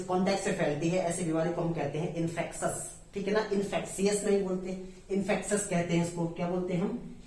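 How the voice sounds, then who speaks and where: A woman's voice: on the low side, mellow. Echoey Indian woman teaching English. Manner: explains slowly in Hindi with English words, often asks and repeats. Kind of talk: online English lesson. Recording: very echoey room, far from the mic.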